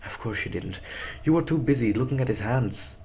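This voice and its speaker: A man's voice: medium pitch, expressive, brisk, darkish tone, slight background noise, lightly acted. A man reading a horror story, voicing a stern companion who urgently warns about the devil. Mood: urgent warning. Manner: urgent, insistent warnings.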